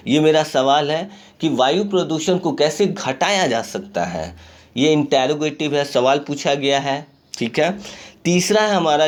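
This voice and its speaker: Encouraging male grammar teacher. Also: fairly high pitch. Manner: reads English examples slowly and demonstrates question-tag intonation; encouraging, repeats "ठीक है" often. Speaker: school English teacher. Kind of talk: recorded online grammar lesson. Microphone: phone screen recording.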